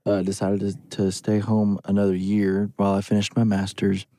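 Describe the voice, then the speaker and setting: A man's voice: on the low side, monotone, moderate pace, warm tone, dry recording. A man in his early twenties chatting casually on a podcast, rambling with lots of "like". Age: 20s. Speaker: podcast co-host. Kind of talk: casual chat.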